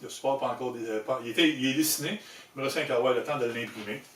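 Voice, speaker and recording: A man with a Québécois French accent giving an informal hands-on product demonstration, explaining in a halting way with self-corrections. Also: medium pitch, a bit bright. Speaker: presenter demonstrating motorcycle gear he designed. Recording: echoey room, distant mic, handling noise.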